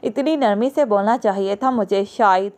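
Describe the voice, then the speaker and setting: Defiant, frightened young woman in a storybook reading; a woman narrator reads her in a clear voice. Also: medium pitch, darkish tone, close to an everyday voice. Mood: anxious.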